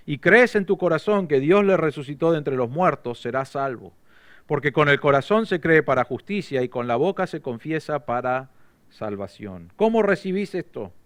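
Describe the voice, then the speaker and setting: A man with an Argentine Spanish accent preaching an expository sermon as pastor, growing louder and higher for emphatic declarations. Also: no echo.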